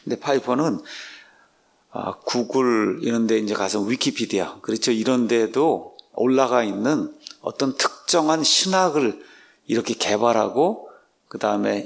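Teaching his book study series slowly, this male pastor and Bible translator stretches out plenty of filler sounds. He speaks at a medium pitch with a gravelly texture.

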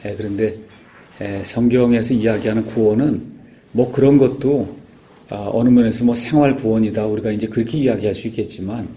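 Mellow-voiced man preaching plainly. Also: lowish voice, a little hiss or hum. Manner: halting, many "ye" fillers, explanatory. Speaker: guest speaker. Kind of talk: informal sermon.

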